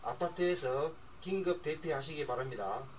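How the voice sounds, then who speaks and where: A man making an urgent evacuation announcement over an outdoor public loudspeaker, slow and emphatic. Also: on the high side. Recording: distant loudspeaker with loud crowd noise.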